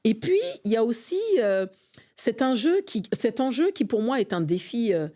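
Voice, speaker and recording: With a fairly high, warm voice and lively intonation, a middle-aged Frenchwoman talks at a moderate pace as a guest in a conversational podcast interview. She is vice-president of an association and speaks with earnest fervor, often hesitating.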